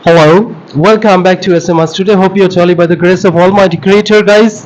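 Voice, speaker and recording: A man's voice: fairly even intonation, extremely slow, a little hiss or hum. A man in his twenties teaching an English class, coaxing students in Bengali and English. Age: 20s. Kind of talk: classroom lesson. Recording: dull low-fi room audio.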